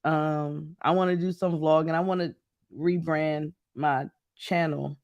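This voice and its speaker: A young man from the Midwest with a somewhat high voice, chatty and excitable as he tells stories. The sound is dry and close, with no room in it. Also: a little slow, no room sound, muffled recording. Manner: chatty and excitable, with animated storytelling. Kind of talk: casual chat.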